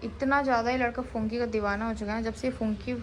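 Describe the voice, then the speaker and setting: Young mom vlogging at home, high voice, coaxes and scolds the kids, noisy recording. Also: female voice, fairly even intonation, fast talker. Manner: coaxing, scolding, talks to children and viewers. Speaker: vlogger and mother. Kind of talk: casual home vlog.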